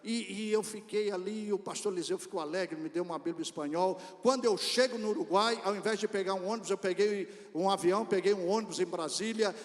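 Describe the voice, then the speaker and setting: A man from Brazil with a Brazilian accent, preaching a storytelling sermon and speaking directly to the congregation in an animated way. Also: sits high, fast, few pauses. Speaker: pastor. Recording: reverberant church hall.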